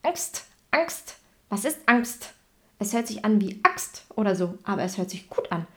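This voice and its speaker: A woman's voice: medium pitch, very animated, a little slow, a bit bright. A woman voicing a fussy little cricket in a storybook reading, repeating words as it muses aloud. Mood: musing.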